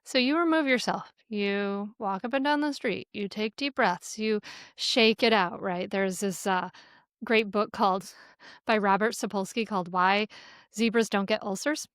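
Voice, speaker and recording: A middle-aged woman in an interview, giving parenting advice in an animated, storytelling way, often laughing and restarting her sentences. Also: medium pitch, measured pace, dry recording, studio quality. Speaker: parenting guest.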